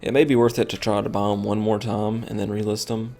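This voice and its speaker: A man's voice: on the low side, little pitch movement, fairly quick, vocal fry, a little mellow. A tired man streaming a game, rambling and thinking aloud with lots of fillers as he comments casually.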